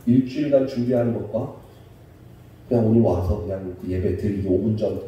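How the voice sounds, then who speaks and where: A male pastor with a Seoul Korean accent, preaching a sermon in a lively, conversational way, sometimes laughing as he stresses a point. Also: lowish voice, brisk, highs cut off. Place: church sanctuary. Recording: echoey hall, distant mic, faint hiss.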